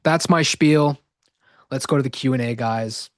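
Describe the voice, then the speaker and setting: A man hosting a live webinar sales pitch, slightly hoarse from talking, who tags nearly every sentence with "right?". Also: a little slow, dry recording, studio quality. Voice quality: verbal tic, repeating "right?". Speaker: online course host.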